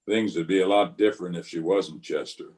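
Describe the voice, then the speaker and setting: A man's voice: sits low, fairly even intonation, brisk, darkish tone, close to an everyday voice. A man playing a grave, conscience-stricken frontier marshal in an old-time radio western, speaking plainly and wearily. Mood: dry, weary. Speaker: actor and narrator in an amateur radio play. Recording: voice recorded over an internet call.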